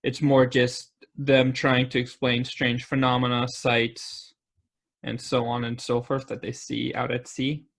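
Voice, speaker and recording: A man's voice: medium pitch, monotone, a little slow, vocal fry, fairly bright tone. A Canadian man co-hosting a podcast, chatting casually and dropping dry, joking remarks. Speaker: podcast co-host.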